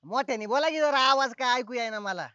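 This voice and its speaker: An actor playing an impatient man who shouts and demands answers. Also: very high-pitched, lively intonation, fast, smooth, no room sound, full character voice. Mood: irritated. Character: impatient man stopped on the road, irritable. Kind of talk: comic web film acting. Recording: dull, dry film sound.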